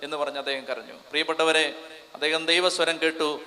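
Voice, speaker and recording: Bright, fervent man preaching in a hall. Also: fairly high pitch, fairly even intonation, a little fast. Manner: fervent, urges the crowd to repeat phrases aloud. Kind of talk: convention sermon. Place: large convention hall. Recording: long reverb of a large hall.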